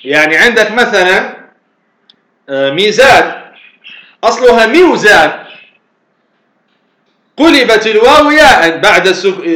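A man's voice: high voice, sharp tone, reverberant. A man from Tunisia teaching a religious grammar lesson, explaining step by step, repeating phrases and asking himself rhetorical questions.

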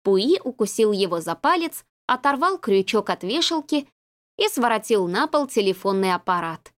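A woman reading a humorous novel aloud with lively, expressive storytelling. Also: medium pitch, moderate pace. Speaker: audiobook narrator. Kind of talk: scripted narration.

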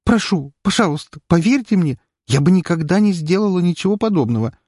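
A man's voice: sits high, expressive, fairly quick, darkish tone, husky, no room sound, clean studio sound, voice pushed up. A man reading an audiobook, voicing a terrified young woman who pleads and sobs in panic. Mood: panicked pleading. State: sobbing, panicked. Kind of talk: audiobook character voice.

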